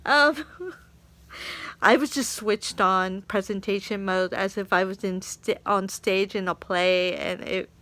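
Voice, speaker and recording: Speaking slowly in a bright, forceful, mid-range voice, a young English teaching assistant recounts something from her day for a casual vlog. She laughs a lot and plays out the lines other people said.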